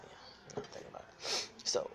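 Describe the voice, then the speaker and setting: A man's voice: a little fast, pushed and bright, slight background noise. A young man hosting a podcast, telling candid, profane stories and laughing often. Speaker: podcast host. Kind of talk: casual storytelling monologue.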